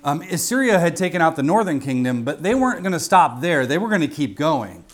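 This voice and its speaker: A man's voice: a little high, big pitch swings, fairly quick. A man preaching an expository sermon in a teacherly way, repeating key phrases for emphasis and checking in with his listeners. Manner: didactic, with rhetorical questions and asides to listeners.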